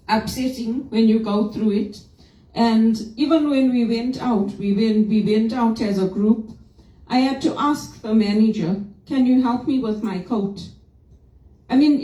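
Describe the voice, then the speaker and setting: A woman from Zimbabwe with a higher, mellow voice offers a personal reflection as a vlogger, her informal talk mixing religion with personal grievance. She sits far from the microphone, and the room gives off a noticeable echo.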